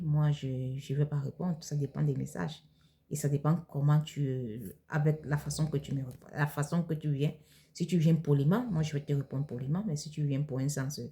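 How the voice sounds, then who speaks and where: Low, mellow woman vlogging. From Cameroon. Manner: hesitant, halting, with many fillers and restarts. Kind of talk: casual vlog, showing products and answering viewer questions.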